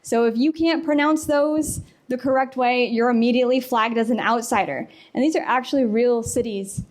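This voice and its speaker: A woman's voice: a little high, fairly even intonation, moderate pace. A young woman from the US Midwest and South giving a casual conference talk, chatty and full of fillers, acting out bits of dialogue. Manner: chatty, filler-heavy, acts out quoted dialogue. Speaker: conference presenter. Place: conference room.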